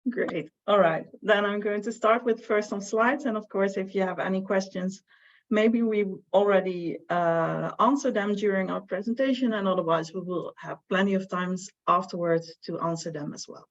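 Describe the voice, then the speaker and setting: A woman talks through her slides on a video call, stopping often on "uh" and "um" as she goes. Her pitch sits in a middle range. The sound is dull and lo-fi, as call audio often is. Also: normal speed. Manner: hesitant, many fillers. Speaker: student advisor presenting. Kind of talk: online information presentation.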